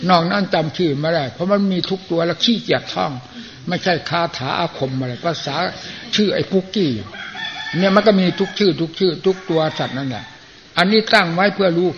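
An older man speaks as a Buddhist monk giving a sermon, his voice gravelly and pitched slightly high. His talk is plain and folksy, and he clears his throat often. The recording is a muffled old tape with a faint hiss behind it. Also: animated, brisk.

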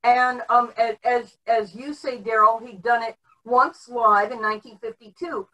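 A middle-aged woman on a video call, a panelist, gives background on old TV history in informal explanatory podcast talk, haltingly and with many filled pauses. Her voice is on the high side, steady, pushed and bright. She's indoors in a room at home, picked up by a distant mic.

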